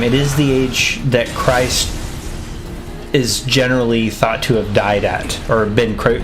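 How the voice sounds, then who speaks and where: A man co-hosting a casual stream chat, hesitant and restarting his sentences. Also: medium pitch. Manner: hesitant, many ums and restarts. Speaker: stream co-host.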